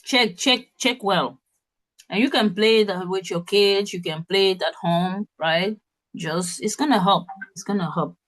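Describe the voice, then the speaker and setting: Slow-talking woman leading a workshop. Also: medium pitch, fairly bright tone. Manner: coaxing, checks in with the audience often; spells out web addresses letter by letter. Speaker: workshop instructor. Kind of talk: interactive online workshop.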